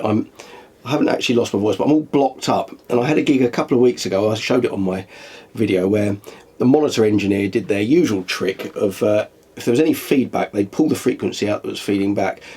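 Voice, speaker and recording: A middle-aged musician vlogger talks casually to camera, chatty and full of dry, self-deprecating humour. His voice is fairly low, darkish in tone, and slightly rough.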